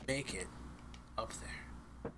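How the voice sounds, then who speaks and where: A man commentating his own video game play, excitable and swearing, dropping to whispers and jumping to yelps. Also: very slow, noisy background. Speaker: gaming YouTuber.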